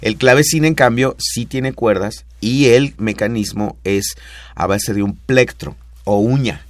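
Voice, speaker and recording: A man with a Mexican Spanish accent and a medium-pitched voice explains music history in a patient, didactic way as a guest expert on a radio talk show. He speaks a little slowly, and the recording is dry.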